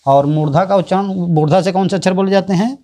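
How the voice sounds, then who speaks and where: A man teaching an exam-prep lesson in a Hindi accent, repeating each letter and answer slowly. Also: high voice, dark tone.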